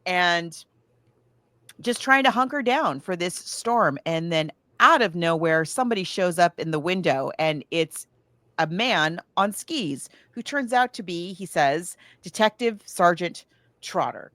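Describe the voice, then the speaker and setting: Her voice is lowish, expressive, and fairly bright, and she speaks without hurrying, recorded with no echo. She's an American podcast co-host chatting casually about books and films, telling stories conversationally and frequently doubling back.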